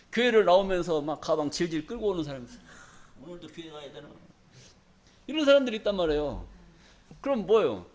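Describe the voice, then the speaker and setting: A male pastor preaching a sermon in a church, emphatic and folksy, often asking the congregation questions for them to answer back. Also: high-pitched. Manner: call-and-response questions to the congregation.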